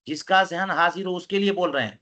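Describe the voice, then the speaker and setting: A man's voice: high-pitched, sharp tone. A man teaching a religious text to students, reading Arabic passages aloud and explaining them line by line, often asking his listeners questions. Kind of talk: classroom text commentary.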